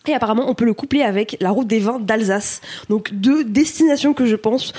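A woman's voice: fairly high pitch, brisk, a little mellow, slightly rough. A woman co-host chatting casually on a podcast, with an enthusiastic manner. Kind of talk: casual chat.

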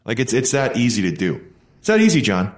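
A former professional hockey player who now co-hosts a podcast talks a little quickly, his medium-pitched voice swinging wildly up and down. With a broken, clogged nose forcing him to mouth-breathe, he rambles through casual stories about his life.

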